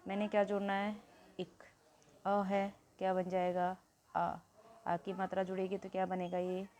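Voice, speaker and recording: Soft-toned woman teaching grammar. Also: mid-range voice, completely flat delivery, a little slow, slight background noise. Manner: explains step by step, asks questions and answers them herself. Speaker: Hindi teacher. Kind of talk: classroom grammar lesson.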